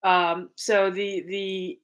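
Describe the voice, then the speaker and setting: A woman's voice: mid-range voice, level tone, drawn-out words. Rambling young woman chatting casually. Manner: rambling, restarts often, emotional. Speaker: co-host of a paranormal channel. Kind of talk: casual live-stream chat.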